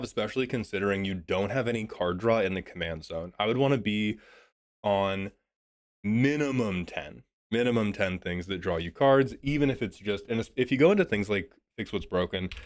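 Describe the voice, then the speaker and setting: Low-voiced man reviewing a card deck. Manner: profane, joking, thinks aloud. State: a bit sick. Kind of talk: casual commentary.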